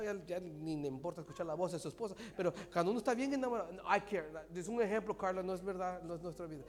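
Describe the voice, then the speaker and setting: A man preaching a sermon, swinging from loud, fast preaching to hushed whispers. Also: sits high. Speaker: pastor. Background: music playing.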